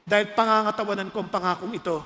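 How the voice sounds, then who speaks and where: Filipino pastor in his 50s, very high voice, lively joking sermon, long hall reverb. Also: fast. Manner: animated, joking, switching between Tagalog and English.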